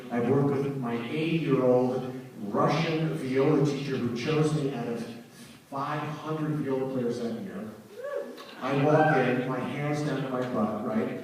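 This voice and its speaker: A middle-aged man talks to a concert crowd, full of energy and telling stories. His voice rings through a very echoey hall, picked up from a distance with faint noise behind it. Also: mid-range voice. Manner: energetic, storytelling, jokes with the crowd. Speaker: musician speaking to a concert audience. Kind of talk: lively stage talk to an audience.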